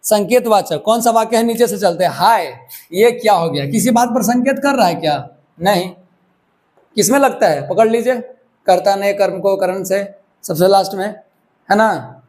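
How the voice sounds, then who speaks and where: High-voiced male grammar teacher. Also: moderate pace, darkish tone. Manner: conversational, checks in with listeners often. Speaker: exam prep teacher. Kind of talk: Hindi grammar lesson. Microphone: microphone.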